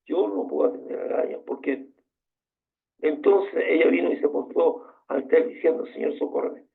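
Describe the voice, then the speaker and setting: A man's voice: on the high side, normal speed, vocal fry. A man preaching a sermon as pastor, passionate and full of rhetorical questions. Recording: tinny phone-like sound.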